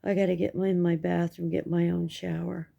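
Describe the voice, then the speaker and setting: A woman's voice: fairly low pitch, flat delivery, fairly quick, gravelly, lo-fi sound, background noise. A middle-aged American woman with toothless speech, giving a rambling, candid personal update in casual, coarse words. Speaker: vlogger.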